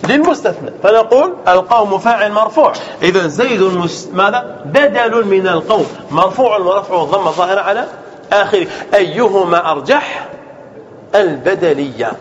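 In a lively, high-pitched voice, a male teacher moves briskly through a grammar lesson, putting questions to his students, answering them, and going back over important terms. The recording is muffled and lo-fi, with soft room noise behind him.

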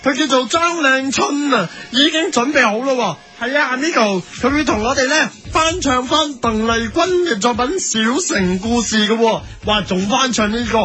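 With a sharp, extremely high voice at normal speed and hardly any pauses, a Hong Kong Cantonese-accented man hosts a comedic radio sketch. He counts down a music chart in a hyped, playful way, alternating host voices.

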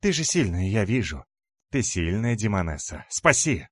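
A man voicing a cunning immortal male demon lord who shouts in a hoarse, shrill voice, in a fantasy audiobook. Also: very animated, unhurried, no room sound, heavily acted. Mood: desperate.

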